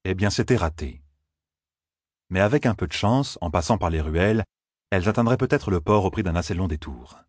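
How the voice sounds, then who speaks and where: A man narrating an audiobook in a steady, measured storytelling manner. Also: low voice, no room sound, clean studio sound. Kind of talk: scripted narration.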